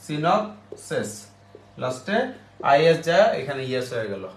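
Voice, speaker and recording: High-voiced male teacher. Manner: repeats words slowly, checks with "ok?". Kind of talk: online English grammar class. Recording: roomy echo.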